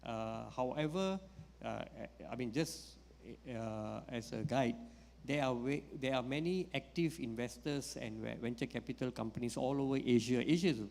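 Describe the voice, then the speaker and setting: Guy answering on a panel, mid-pitched, explains slowly with lots of uhs. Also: vocal fry, darkish tone. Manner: explanatory, with many hesitations. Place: conference hall. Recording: long reverb in a conference hall.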